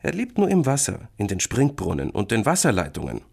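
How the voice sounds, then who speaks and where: A man voicing a cheeky, teasing older sister in a children's story, lively and raised. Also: fairly low pitch, a little fast, creaky, slightly rough, pitched above the performer's own voice, heavily acted.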